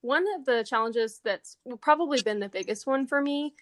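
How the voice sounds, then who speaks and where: A young woman in her twenties from East Texas, a college senior answering interview questions in a soft, halting way with many ums. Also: a little high, dry recording. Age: 20s. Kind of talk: casual interview.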